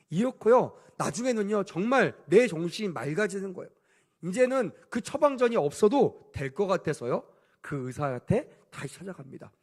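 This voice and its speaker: A man preaching a sermon as pastor, telling a story with lively rhetorical questions to the congregation. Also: sits high. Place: church service.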